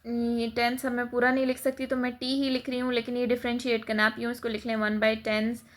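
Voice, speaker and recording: Writing on a board as she goes, a Pakistani-accented woman teaches math in a high-ish, level voice at a fairly quick clip. She mixes English terms into Urdu-Hindi and patiently repeats herself.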